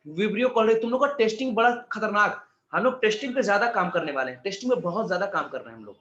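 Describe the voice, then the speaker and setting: A man's voice: high-pitched, expressive, rapid-fire, fairly bright tone. A man teaching an exam-prep class in a casual, chatty way, calling students "beta" and tossing in jokes and asides. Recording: echoey room, slightly dull sound.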